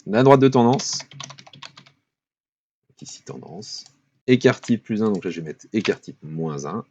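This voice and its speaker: A man, walking viewers through a spreadsheet in a relaxed screen-recorded tutorial, thinking aloud with fillers and small apologies. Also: fairly low pitch, a little slow, slight background noise. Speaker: finance tutorial host. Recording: dull lo-fi voice-over with keyboard clicks.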